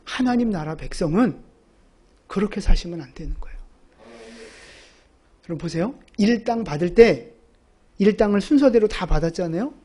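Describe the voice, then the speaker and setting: A woman's voice: medium pitch, expressive, moderate pace, long pauses, mellow, slightly rough. A woman pastor preaching a sermon, emphatic and asking the congregation rhetorical questions.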